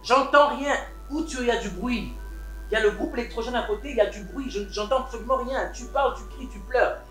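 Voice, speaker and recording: A wealthy Congolese family head. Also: male voice, very high-pitched, quick pace, bright, forceful tone. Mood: pleading, worried. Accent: Congolese French. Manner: switches between French and Lingala, pleading then scolding. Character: wealthy man protective of his siblings. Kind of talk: Congolese TV series acting. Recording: roomy room with background music.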